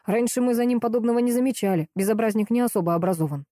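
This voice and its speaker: A woman reading an audiobook, voicing a fat, excitable, rude middle-aged man who shouts bluntly. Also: on the high side, rapid-fire, dry recording, studio quality, natural voice. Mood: agitated.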